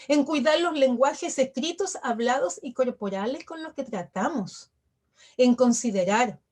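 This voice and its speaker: High-voiced woman giving a measured lecture. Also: darkish tone. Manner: measured and emphatic, with rhetorical questions and list-like build-ups. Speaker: university professor giving a lecture. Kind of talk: academic lecture, reflective.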